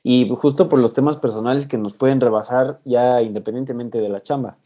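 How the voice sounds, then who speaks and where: A man's voice: mid-range voice, fairly even intonation, fairly quick, mellow. A man hosting an interview, asking questions in a supportive, reassuring way.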